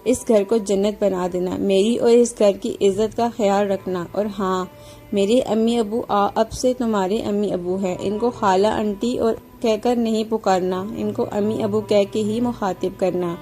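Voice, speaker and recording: A woman voicing a young husband who talks plainly and is sometimes sharp. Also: medium pitch, steady tone, soft background music, close to an everyday voice. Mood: caring. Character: young husband, loving but stern at times.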